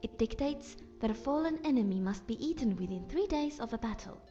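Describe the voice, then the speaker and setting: A woman voicing a polite, curious young wood elf archer, measured and courteous, as game companion dialogue. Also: a little high, expressive, highs cut off, music in the background, close to an everyday voice. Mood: matter-of-fact.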